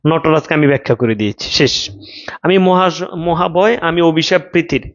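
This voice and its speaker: A man teaching an online class, explaining slowly, repeating each line for students to write down, and reading out chat questions. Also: on the high side, dull audio. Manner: reads out questions from live chat.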